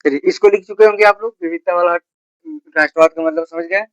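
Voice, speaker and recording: Man teaching a class, higher-pitched voice, dry close sound, asks and answers his own questions, repeats key terms slowly. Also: clear, resonant tone, dry recording, rough recording. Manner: repeats key terms slowly, with a filler word after each point. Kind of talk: classroom lecture.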